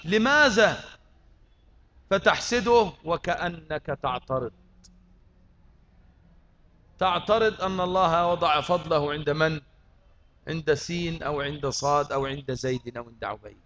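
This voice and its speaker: A man's voice: a little high, moderate pace, pauses often, fairly bright tone, highs cut off. A man with an Egyptian accent preaching a sermon, firing rhetorical questions at his listeners and mixing colloquial and classical speech. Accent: Egyptian Arabic.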